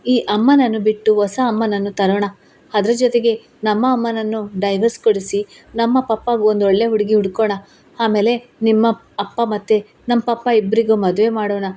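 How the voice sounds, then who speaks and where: A woman's voice: medium pitch, level tone, normal speed, dark tone, close to an everyday voice. A woman voicing a childlike young wife who is clingy and playful, talking in a pleading, teasing way. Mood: scheming playful.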